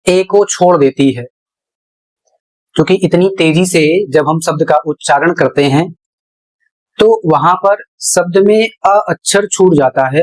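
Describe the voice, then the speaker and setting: In a classroom-style lesson, a man with a fairly high voice teaches English pronunciation at a board, and the audio quality is poor. He spells words out letter by letter and asks questions he then answers himself.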